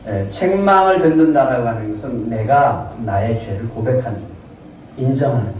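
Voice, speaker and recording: A male pastor delivers a Sunday sermon, often posing questions to the congregation and then answering them. His voice is mellow and dark. It sounds distant and roomy, as though picked up from across a very echoey church sanctuary. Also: mid-range voice, lively intonation, moderate pace, slight background noise. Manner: acts out quoted people in a raised voice. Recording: very echoey room, voice from off the mic.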